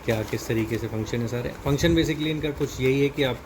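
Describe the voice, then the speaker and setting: A product reviewer with an Indian accent gives a casual, explanatory walkthrough, mixing in English technical terms. His medium-pitched voice is brisk, with a noisy background.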